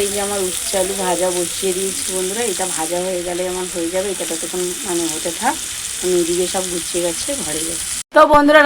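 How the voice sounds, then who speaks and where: A woman, chatting to viewers as friends while doing chores and cooking at her rural home, filmed on a phone. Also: lowish voice. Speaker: vlogger. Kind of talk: casual daily-life vlog narration. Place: rural home, kitchen and yard. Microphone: phone camera. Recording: loud household noise behind voice.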